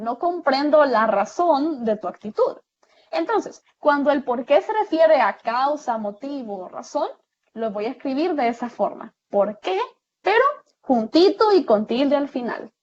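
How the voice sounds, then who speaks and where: A woman with a Salvadoran accent tutoring an online class, patiently explaining and checking in with "¿verdad?" after each point. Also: a little high. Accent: Salvadoran Spanish. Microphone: video call. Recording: muffled video call audio.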